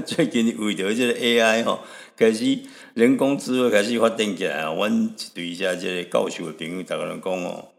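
A deep-voiced man from Taiwan hosts a radio program, his low tone carrying a gravelly fry. He rambles through his stories in a relaxed, chatty way, dotting sentences with little tag words and chuckles. The voice sits in a long, hanging reverb. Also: moderate pace. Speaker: radio host. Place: radio studio.

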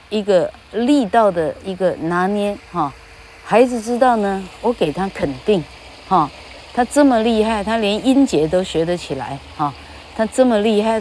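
An older woman, a retired English teacher, delivers a casual spoken monologue, referring to herself in the third person and tacking little "ha" sounds onto her phrases. Her voice is lowish and darkish, with a little hiss or hum in the recording.

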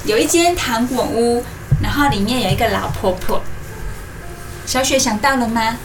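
High-voiced woman reading as if to toddlers. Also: normal speed, recorded from a distance, background noise. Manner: animated, simple coaxing speech, as if reading to a toddler. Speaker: host of a children's radio story programme. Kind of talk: interactive storytelling to young children, asking questions. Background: music.

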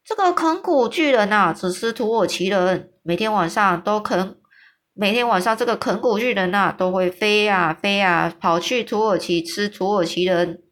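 A woman voicing a huge, boisterous male giant who teases loudly and draws out his exclamations. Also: natural voice. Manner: booming, boisterous, drawn-out exclamations.

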